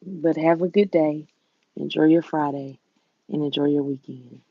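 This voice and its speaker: A woman with a Southern US accent and a folksy, drawn-out drawl, chatting casually with viewers as a livestream host. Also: sits low, steady tone, dry recording, dull audio. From southern United States.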